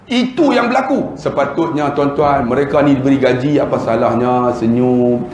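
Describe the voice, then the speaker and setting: A man's voice: medium pitch, normal speed, echoey room, dull audio, a little hiss or hum. A man with a northern Malaysian accent giving a religious lecture, telling humorous stories and acting out the dialogue. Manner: animated, humorous, acts out dialogue. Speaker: Islamic preacher.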